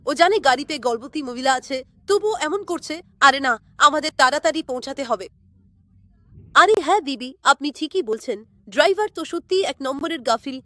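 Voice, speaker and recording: Animated high woman voicing a doll story. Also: a little fast, no echo. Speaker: doll story narrator and voice of the girls. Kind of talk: dolls story cartoon voicing.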